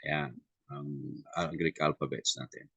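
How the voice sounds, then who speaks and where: A man teaching a Greek review class. He mixes Tagalog and English, uses many fillers and tag questions, and slows down to spell out sounds. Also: very deep voice, steady tone, vocal fry, pushed and bright, slightly rough, no room sound, dull audio. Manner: spells out sounds slowly and deliberately.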